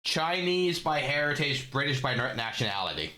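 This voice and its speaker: A man's voice: medium pitch, big pitch swings, moderate pace, sharp tone. A young man from Western Canada giving casual live commentary as a game streamer, hesitant, with frequent ums and dry asides.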